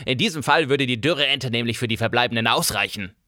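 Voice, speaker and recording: A man's voice: mid-range voice, lively intonation, fairly quick, bright, forceful tone, no echo, clean studio sound. Man doing a sneering malicious dinner guest. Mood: mocking. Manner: sneering, laughing.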